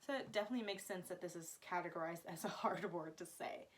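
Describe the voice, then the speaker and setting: A woman's voice: fairly low pitch, fast talker. A young American woman from Florida chatting casually to camera as a vlogger, giggling often and filling her talk with "like". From Florida, United States. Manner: giggly, laughs often, chatty with many "like" fillers. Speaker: language vlogger.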